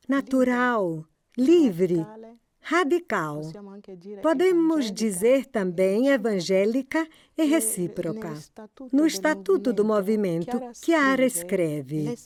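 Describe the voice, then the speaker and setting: A woman reading a voice-over translation of an interview slowly and deliberately. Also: fairly high pitch.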